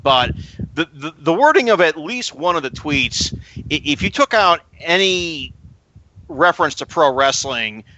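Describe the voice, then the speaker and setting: A man co-hosting a casual podcast chat, talking in halting bursts full of stammers and restarts. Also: on the high side, lively intonation, sharp tone, muffled recording, a little hiss or hum. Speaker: podcast co-host.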